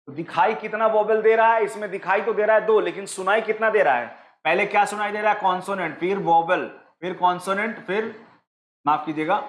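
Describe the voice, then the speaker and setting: A man's voice: high-pitched, a bit bright, roomy sound. A man teaching an online exam-prep class, explaining step by step and asking his students questions, with English terms mixed in.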